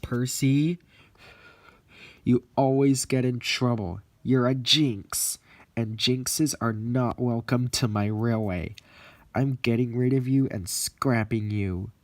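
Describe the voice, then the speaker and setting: A stern, bossy railway controller barks his orders, as a man puts him on for a homemade storybook retelling. The voice is loud and firm, slowed down and deliberate, sitting in a middling pitch. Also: close to an everyday voice. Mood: scolding.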